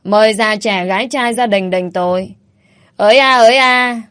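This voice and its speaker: A woman voicing a loud male village crier who chants announcements in a slow, drawn-out call. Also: on the high side, smooth, voice pushed up, lightly acted. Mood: proclaiming.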